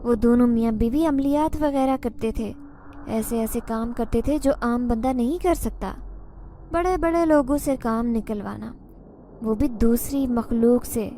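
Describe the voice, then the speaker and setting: A woman voicing a worried middle-aged father who speaks loudly and firmly in a storybook narration. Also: fairly high pitch, slight background noise, natural voice.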